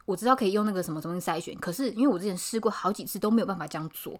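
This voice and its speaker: A woman in her thirties with a Taiwanese Mandarin accent, hosting a casual podcast chat and telling animated stories about coworkers. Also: medium pitch, rapid-fire. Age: 30s. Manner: animated storytelling, acting out quoted coworkers. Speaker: podcast host.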